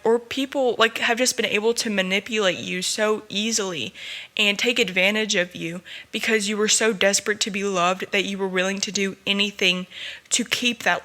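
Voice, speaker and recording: A woman's voice: medium pitch, pushed and bright. A young woman hosting a personal podcast, talking earnestly and emotionally, close to tears at times. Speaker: podcast host.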